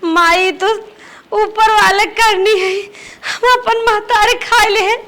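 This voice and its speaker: A woman with an Awadhi accent acting a meek, tearful married stepdaughter who pleads softly in a family comedy skit. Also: very high-pitched, steady tone, slow pace, full character voice. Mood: pleading. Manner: pleading, soft-spoken.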